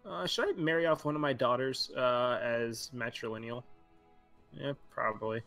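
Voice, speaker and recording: Male gamer host, bright tone, casual running commentary on his play. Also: medium pitch, normal speed, creaky, faint music behind. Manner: chatty, narrates his own game events aloud. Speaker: host playing a strategy game with friends. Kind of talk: casual gaming chat.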